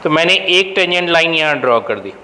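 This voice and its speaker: A high-pitched man with an Indian accent lectures a math class, quizzing the students and then supplying the answers himself. His voice rings through a roomy classroom with a long tail of reverb and a faint hum of ambience behind it. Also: lively intonation, brisk, pushed and bright. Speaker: math teacher.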